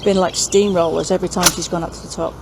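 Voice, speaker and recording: Female golf commentator, clear background noise. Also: lowish voice, steady tone, quick pace. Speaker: golf analyst. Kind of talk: live golf analysis, conversational.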